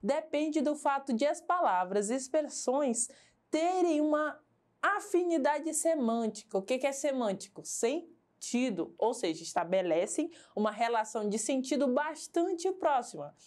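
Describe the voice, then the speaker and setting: Woman, teacher, televised lesson, fairly high pitch, explains step by step. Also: a little mellow. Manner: explains step by step, asks and answers her own questions. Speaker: Portuguese teacher.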